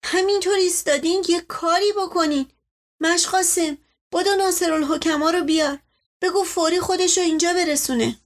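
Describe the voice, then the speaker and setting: A woman's voice: very high voice, steady tone, pitched above the performer's own voice. A woman voicing a frantic mother urgently ordering others to fetch the doctor. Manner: urgent, commanding.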